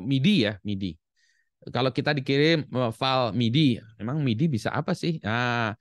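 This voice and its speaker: A man giving a relaxed, conversational university lecture, tagging his sentences with little asides. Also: on the low side, dry recording, studio quality. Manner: loose and conversational, tags sentences with 'ya'. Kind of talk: casual classroom lecture.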